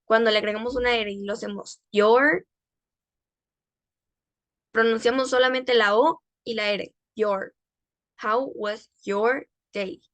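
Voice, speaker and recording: Woman teacher, slightly high voice, dry close sound, slow drilled English phrases for repetition. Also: fairly even intonation, no room sound, dull audio. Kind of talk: English lesson for Spanish speakers.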